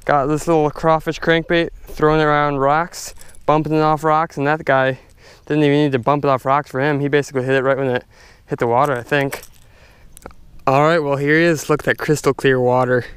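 A young man casually narrating his fishing from a stand-up paddleboard on a lake, chatty and excitable, talking to his viewers. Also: fairly high pitch, a little fast, clean tone, dry recording. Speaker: fishing vlogger. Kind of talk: casual outdoor commentary. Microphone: head-mounted action camera.

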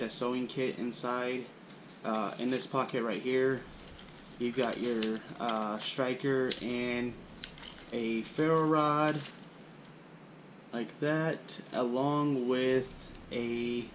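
Flat-voiced man rambling through his gear. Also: mid-range voice, noisy background. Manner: relaxed, rambling with frequent fillers. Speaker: bushcraft channel host. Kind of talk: casual gear show-and-tell. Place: indoors at a wooden floor, small room.

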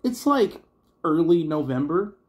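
A man's voice: a little high, sing-song, unhurried, darkish tone. A man in a casual mukbang vlog, chatting in a rambling way while chewing his food. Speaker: vlogger.

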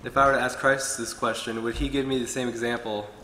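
A young adult man earnestly reads a short sermon from his notes at a pulpit in a wood-paneled church hall. He talks fast at medium pitch, with a flat delivery and a sharp tone. The hall is echoey with long reverb, and there's a little hiss or hum.

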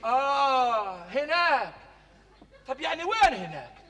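Brief: a gushing, sly older shopkeeper, high, bright and quick, reverberant stage. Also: male voice, very animated, full character voice. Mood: coaxing. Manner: effusive, overly hospitable, sly. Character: fussy, scheming older shopkeeper Abu Shehadeh. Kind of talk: televised stage comedy.

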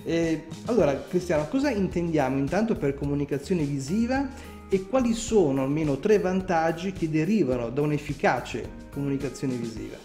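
A man's voice: a little high, expressive, normal speed, mellow, echoey room, soft background music. A man with an Italian accent hosting a casual video call interview, hesitating often with filler sounds. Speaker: host.

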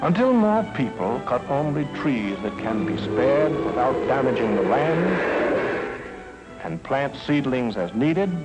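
In the manner of a mid-century educational film, an American man with a medium-pitched voice gives emphatic, folksy, scripted narration. The low-quality recording comes from an old film soundtrack with music.

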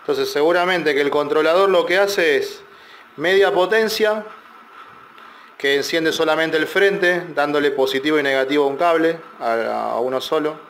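A man's voice: a little high, normal speed, fairly bright tone, a little hiss or hum. A man, a repair technician talking through a circuit board in a loose, explanatory way with many fillers and restarts. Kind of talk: casual technical tutorial.

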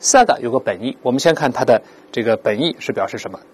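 Explaining vocabulary through rhetorical questions, a male English teacher slowly repeats each word so learners can practice saying it. He sounds animated, at a medium pitch, with a slightly rough edge.

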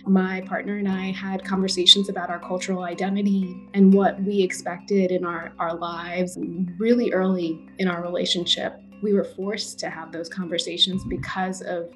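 A woman's voice: fairly low pitch, little pitch movement, moderate pace, hardly any pauses, fairly bright tone, soft background music. A woman in her thirties speaking earnestly in an interview, conversational with small restarts, recorded at home on a close webcam. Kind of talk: reflective interview. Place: home room indoors.

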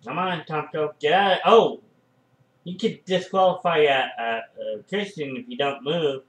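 Excitable man doing slow fan commentary. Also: fairly high pitch, echoey room, rough recording. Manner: excitable, frequent "oh" and "uh" fillers. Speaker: fan commentating a wrestling match.

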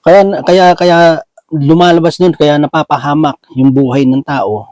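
A man's voice: fairly high pitch, fairly even intonation, unhurried, darkish tone, no echo, poor audio. A man preaching a Bible sermon in a casual, conversational way, often asking his listeners "right?", mixing in English words, and restarting as he searches for words. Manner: mixes English words into Tagalog.

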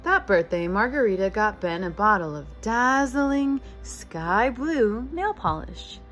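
Reading a picture book in a living room with a couch, a woman in her thirties plays preschool teacher, speaking expressively to young children. Her medium-pitched voice is animated, fairly bright and slow-paced, with faint music behind her.

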